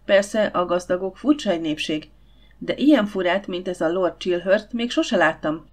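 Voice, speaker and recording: A woman's voice: fairly low pitch, animated, a little mellow. A woman voicing a bossy, outspoken older housekeeper in an audiobook, talking bluntly and grumbling.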